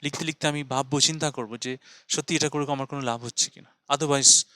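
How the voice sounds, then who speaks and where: Bright-voiced man teaching English. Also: mid-range voice, fairly even intonation, dry recording. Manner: explains in Bengali, reads English lines slowly and deliberately; asks and answers his own questions. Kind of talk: video lesson explaining writing.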